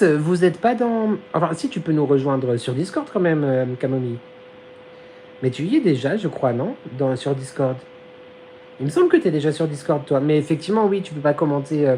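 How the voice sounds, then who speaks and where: A man's voice: a little high, expressive, fairly quick, dark tone, slight background noise, rough recording. A man hosting a live stream, chatting casually with his viewers in a giggly, slangy way while his voice is going. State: losing his voice. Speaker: live-stream host reading chat. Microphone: phone. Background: fan humming behind the phone.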